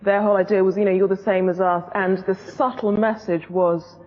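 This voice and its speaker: A woman in her forties from England, a guest in a studio debate, telling her story in an earnest, measured way with frequent ums. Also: medium pitch, level tone, big-room sound, lo-fi sound, faint music behind.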